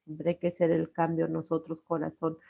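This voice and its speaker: A woman's voice: sits low, completely flat delivery, normal speed, gravelly, dark tone. A middle-aged Mexican woman giving a heartfelt personal testimony, calling her listeners "corazón". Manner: emotional, addresses viewers as corazón. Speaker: host sharing testimony.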